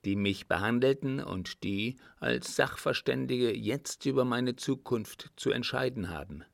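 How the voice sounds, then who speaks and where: A man's voice: mid-range voice, gravelly, no room sound, clean studio sound. Man playing a polite, earnest young officer. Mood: resigned. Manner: calm, measured and formally polite. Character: earnest young male army officer, wounded.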